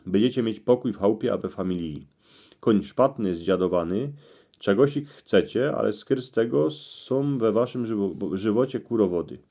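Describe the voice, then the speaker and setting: Man, low mellow voice, Cieszyn Silesian accent, dialect read-out, short clipped phrases. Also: animated, normal speed. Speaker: presenter explaining dream meanings. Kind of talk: reading out dream interpretations in dialect.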